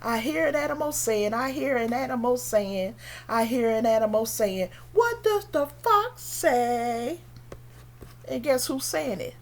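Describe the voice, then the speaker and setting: A woman teaching young children in a slow, sing-song way, with playful animal sounds. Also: fairly high pitch, a little mellow. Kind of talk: singalong children's lesson.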